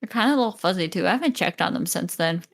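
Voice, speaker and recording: A woman's voice: on the low side, lively intonation, very fast, gravelly. A young adult woman co-hosting a podcast, chatting casually and telling stories in a rambling way. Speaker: podcast co-host. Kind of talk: casual chat.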